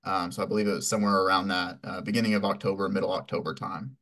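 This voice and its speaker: A young man in his twenties, from Texas, tells his own story as a podcast guest. His voice sits a bit low, and he rambles from one thought to the next with plenty of fillers. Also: fairly even intonation, quick pace, fairly bright tone. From Houston, Texas. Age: 20s. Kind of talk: casual interview answers.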